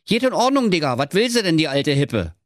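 A man's voice: fairly high pitch, big pitch swings, fairly quick, no room sound, studio quality, pitched above the performer's own voice. A man voicing a cheeky, grumpy talking unexploded bomb that speaks in Berlin slang. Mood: cocky. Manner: slangy, cocky, grumbling. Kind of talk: comic fairy tale reading.

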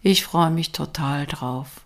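A woman putting on a flat, monotone way of talking, mumbling with her mouth barely open. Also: deep voice, slow, pitched below the performer's own voice. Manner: monotone, mouth almost closed.

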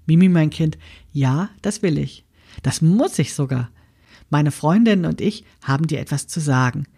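A woman doing a gentle, mysterious old grandmother. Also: deep voice, lively intonation, moderate pace, slightly rough, exaggerated voice. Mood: kindly.

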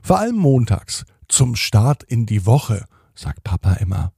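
A man reads a children's story aloud in a very dark, gravelly voice with a slightly husky edge. His pitch moves a lot as he tells the story. The recording is dry and close. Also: dry recording. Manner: slow, lively, expressive storytelling.

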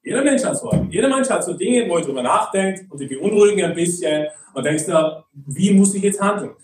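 High-voiced German-speaking preacher in a roomy hall. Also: male voice, expressive, distant mic. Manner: conversational, often asks "nicht?" and "okay?"; reads Bible verses slowly and deliberately. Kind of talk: sermon.

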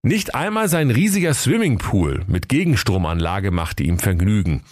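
A man's voice: fairly low pitch, sing-song, normal speed, darkish tone, no room sound, studio quality. A man narrating a comedic, parodied fairy tale in a playful storytelling manner.

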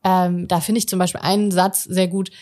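A woman in her thirties, a guest in a conversational interview, explaining parenting calmly and acting out everyday family dialogue. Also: on the low side, normal speed.

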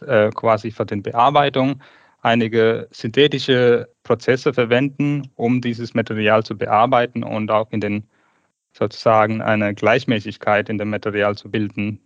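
A man's voice: mid-range voice, dry recording. A man, speaking hesitantly as a guest in a podcast interview over an internet call. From South India. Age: late 30s. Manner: hesitant, searching for words in a second language. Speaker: guest researcher. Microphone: video call. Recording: dull, dry internet call.

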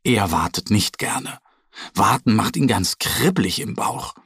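Give me a man reading a children's story aloud, slow, expressive and a little husky. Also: on the low side, no room sound, clean studio sound. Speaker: narrator.

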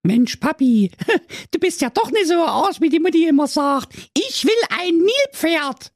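A man's voice: very high voice, big pitch swings, unhurried, no echo, clean studio sound, voice pushed up, full character voice. A man voicing a bratty, squealing fifteen-year-old girl in a comic fairy-tale parody. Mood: excited. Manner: squealing, whiny, crude.

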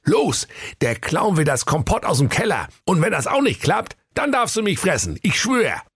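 A man's voice: big pitch swings, a bit bright, breathy edge, no room sound, studio quality, full character voice. A man voicing a sly, nervous male fox who stammers while he schemes, in a comic storybook reading. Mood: persuasive. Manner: stammering, high and fast-talking.

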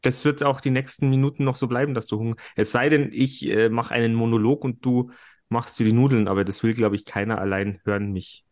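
A man's voice: mid-range voice, steady tone, a little fast, darkish tone. A man co-hosting a podcast in casual chat, with a dry, teasing sense of humor. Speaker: podcast co-host.

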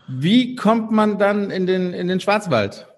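A man's voice: sits high, lively intonation, slow, long reverb tail, slight background noise. A young man co-hosting a podcast, asking loose, rambling questions with restarts. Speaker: podcast co-host.

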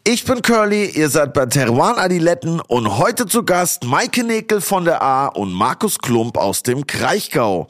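Slangy, excitable young podcast host. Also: male voice, fairly high pitch, measured pace, few pauses. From Berlin. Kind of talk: casual podcast chat.

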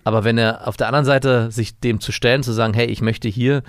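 A man's voice: mid-range voice, steady tone, no room sound, studio quality. A man in his thirties co-hosting a casual podcast chat, asking probing questions and laughing easily. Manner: quick, asks probing questions, laughs often. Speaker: podcast co-host.

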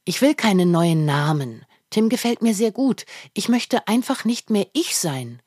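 A woman's voice: medium pitch, sing-song, a little slow, darkish tone, breathy edge, no echo, clean studio sound, pitched above the performer's own voice. A woman voicing a sad chubby young boy who wants to be someone else, speaking earnestly and pleadingly. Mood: earnest, upset.

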